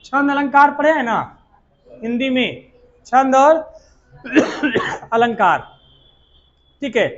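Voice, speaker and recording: A man's voice: extremely high pitch, animated, slow pace, long pauses, a bit bright, dull audio. A male teacher, giving a classroom lecture and drilling students with repeated questions and answers. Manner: repetitive call-and-response drilling.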